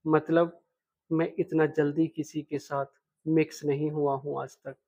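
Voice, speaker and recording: A man's voice: on the high side, level tone, a little slow, muffled recording. A man voicing a shy young man. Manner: hesitant, soft-spoken.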